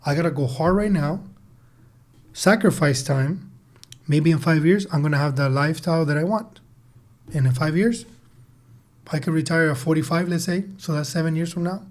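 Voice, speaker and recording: At a normal speed but with long pauses, a man in his thirties responds as a podcast interview guest in a slightly high voice. As a sales team leader and entrepreneur, he keeps it conversational and emphatic, often repeating words for stress.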